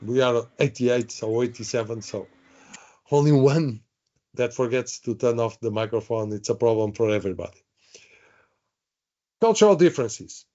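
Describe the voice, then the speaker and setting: A man's voice: medium pitch, lively intonation, normal speed, long pauses, dark tone. A man teaching a live online workshop, chatty, repeating himself and asking the audience questions. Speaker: webinar trainer. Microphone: video call. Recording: dull lo-fi online call audio.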